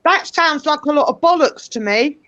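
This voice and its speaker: A loud British woman chatting in a blunt, sweary, bantering way. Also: high voice, animated, moderate pace, muffled recording. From United Kingdom. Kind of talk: casual chat, banter.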